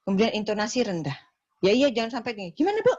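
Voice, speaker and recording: A woman lecturing nursing students in a classroom, explaining calmly and acting out short nurse-patient dialogues. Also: medium pitch, fast talker, highs cut off.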